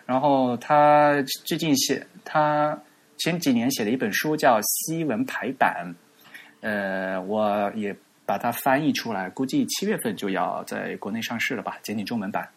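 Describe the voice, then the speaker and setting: A man with a husky, slightly rough voice chats casually as a podcast co-host. He talks at an easy pace and fills his sentences with hesitations, as if thinking aloud. His pitch sits in the middle range. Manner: unhurried, with many fillers. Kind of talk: casual chat.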